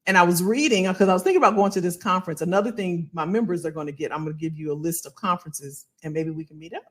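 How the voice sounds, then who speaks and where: A woman hosting a casual livestream as a financial coach, animated and colloquial, repeating phrases for emphasis. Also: lowish voice, very fast. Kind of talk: casual livestream talk to viewers.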